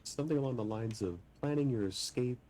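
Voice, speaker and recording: A woman roleplaying a calm fellow traveler in a game, speaking in a measured way. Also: extremely low pitch. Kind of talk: in-character roleplay.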